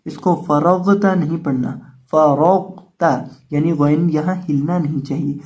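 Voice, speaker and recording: Man, Urdu accent, Quran reading teacher, somewhat high voice, patient, slow repeated recitation. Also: fairly even intonation, lo-fi sound. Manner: patient, repeats each syllable slowly and louder when reciting. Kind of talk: step-by-step recitation lesson.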